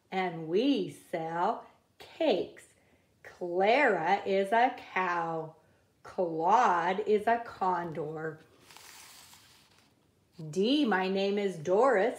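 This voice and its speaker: A woman reading a children's picture book aloud at a table, in a slow, careful read-aloud cadence. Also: medium pitch, echoey room. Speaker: reader. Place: indoors at a wooden table.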